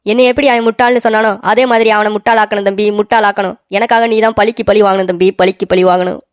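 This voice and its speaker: A woman's voice: mid-range voice, fairly even intonation, fast, no echo, studio quality, lightly acted. A woman voicing a whiny, boastful old man. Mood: whining. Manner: whiny and boastful, repeats himself. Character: old village man, proud but easily hurt. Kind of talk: cartoon story voice acting.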